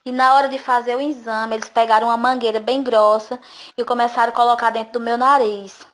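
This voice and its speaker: A woman's voice: on the high side, level tone, fairly quick, rough recording. A woman giving an earnest, emotional religious testimony. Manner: earnest, emotional storytelling with tearful pleas to God. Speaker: testimony giver. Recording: voice over loud background music.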